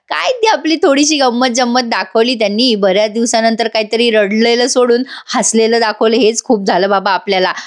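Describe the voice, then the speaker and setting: A woman giving a lively, chatty recap of a TV serial episode. She laughs as she retells it. Her voice sits fairly high. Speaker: TV serial reviewer.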